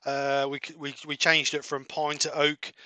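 A man's voice: a little high, monotone, normal speed, crowd noise. A man hosting a casual woodturning livestream from his workshop, chatting and laughing easily while he works at a lathe. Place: home workshop at a wood lathe.

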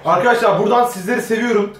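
A man's voice: high voice, very fast, distant mic. A young man bantering casually in slang as a contestant in a challenge video. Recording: echoey room with music behind.

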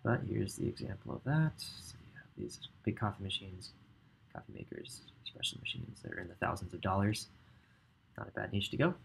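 A man's voice: deep voice, huge pitch swings, fairly quick, vocal fry, a bit bright, a little hiss or hum. A man in his thirties giving a casual screen-share tutorial at a home desk, thinking aloud with frequent ums as he browses. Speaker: ecommerce coach. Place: indoor home office.

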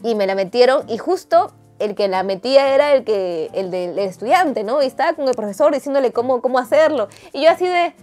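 A woman with a Peruvian Spanish accent, telling a story to camera in a dramatic, animated way with crude slang. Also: on the high side, a little fast, hardly any pauses, faint music behind. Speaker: vlogger.

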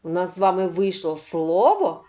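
A warm, lowish female voice with wide pitch swings leads a literacy video lesson for preschoolers. She patiently sounds out words and asks the children questions, speaking slowly in a singsong way and stretching out sounds for them.

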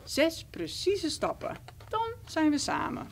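A woman's voice: high voice, wildly swooping pitch, takes it slowly, vocal fry, slight background noise, voice pushed up, full character voice. A woman doing a giggly little girl queen. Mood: eager. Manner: bright, giggly.

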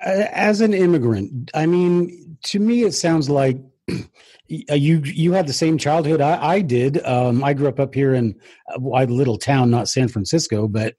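A middle-aged man hosting a podcast, asking friendly, conversational questions into a studio microphone on a boom arm in a home studio. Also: normal speed, dark tone, husky, dry recording. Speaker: podcast host. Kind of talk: casual interview hosting.

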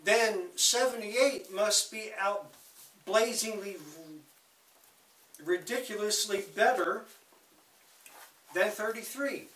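Here a high, bright-voiced vlogger chats loosely to camera about audio gear and records, surrounded by equipment at home. His talk wanders with playful asides, moving slowly apart from occasional rapid spurts. Because the microphone sits at a distance, the echo of the room is audible.

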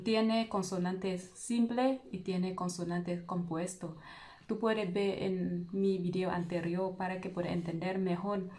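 A Vietnamese woman, a non-native speaker with a Vietnamese accent, patiently explaining a language lesson with rhetorical questions and halting, searching phrasing. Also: lowish voice, warm tone. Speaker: language teacher.

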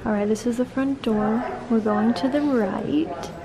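A young woman in her twenties touring a big house for her vlog, talking in an excitable, gushing way into a handheld camera. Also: fairly high pitch, measured pace, a crowd in the background, rough recording. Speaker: vlogger. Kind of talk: casual vlog house tour.

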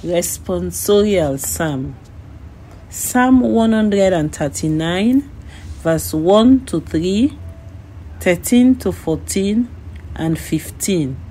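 A woman's voice: lowish voice, warm tone. A woman reading a psalm aloud as a liturgical scripture reader.

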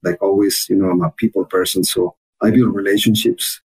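Ecuadorian-accented man, mellow husky voice. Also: deep voice, steady tone, fairly quick, low-quality recording. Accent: Ecuadorian Spanish. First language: Spanish. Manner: earnest, many repeated words and restarts. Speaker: guest, chamber of commerce officer. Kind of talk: podcast interview.

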